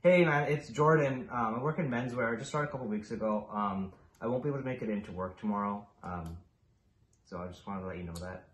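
A man's voice: fairly low pitch, fast talker, natural voice. A man playing a sheepish young store worker, faking being sick in a hesitant, apologetic prank phone call. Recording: echoey room with background noise.

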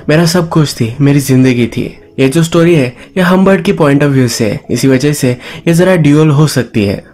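A man's voice: on the high side, a little mellow. Man narrating a movie recap. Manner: casual storytelling, English words mixed into Hindi. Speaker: movie explainer.

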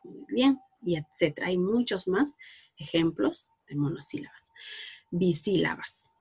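A woman's voice: on the low side, animated, creaky, darkish tone, husky. A woman with a Peruvian Spanish accent teaching a lesson to young schoolchildren, patiently asking questions and praising answers. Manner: slow, patient, coaxing, asks questions and praises. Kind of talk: recorded class lesson for children.

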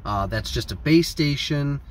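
Here a male vlogger from the American Midwest talks in a slightly high, animated voice at a measured pace, rambling casually to camera. The setting is a parked van, with a phone or camera held at arm's length picking up clear vehicle background noise.

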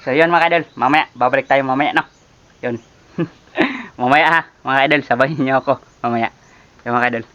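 A man's voice: medium pitch, moderate pace, long pauses, pushed and bright, no echo. A man from the Philippines chatting casually to viewers in a cooking vlog, calling them idols again and again. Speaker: cooking vlogger.

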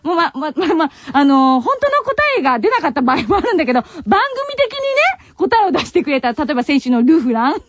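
A woman's voice: high voice, sing-song, a little fast, hardly any pauses, no room sound. A young woman hosting a late-night radio show in Nagoya dialect, voice worn from crying as she says an emotional farewell, heard on a muffled old cassette tape. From Tokai region of Japan. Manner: emotional farewell, voice choking with tears between laughs. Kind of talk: radio talk, reading listener letters. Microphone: studio radio mic.

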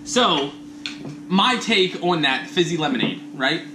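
A man's voice: fairly high pitch, expressive, a little slow, background noise. A man in his thirties in rowdy, casual banter, joking crudely and chipping in as a review show co-host. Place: small indoor lounge, on a couch. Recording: roomy echo, music behind.

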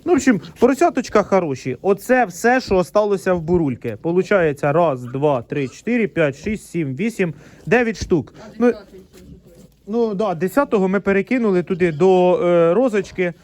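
A man's voice: high-pitched, animated, normal speed, a little mellow. A man, a pig farmer, chatting casually as he shows his pen, fond with the piglets and scolding them. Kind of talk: casual vlog narration.

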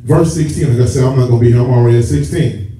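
A man preaches very fast as a church elder, his voice medium-pitched and mellow, speaking conversationally to the congregation and stretching key words. The scene is a sanctuary with a stage and rows of seats. Because the camera sits far back in the hall, the audio is distant, echoey, muffled and noisy.

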